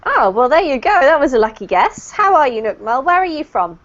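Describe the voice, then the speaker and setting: A British woman living in New Zealand runs a casual online English class, friendly and often laughing, sometimes talking over her students. Her voice sits high with big pitch swings, brisk and a bit bright, though the audio is dull.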